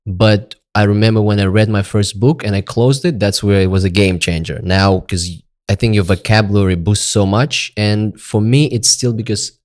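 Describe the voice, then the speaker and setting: A man's voice: on the low side, steady tone, moderate pace, few pauses. A man hosting a podcast, asking questions and chatting casually with his guest in an upbeat, friendly way. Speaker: podcast host. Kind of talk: casual interview chat.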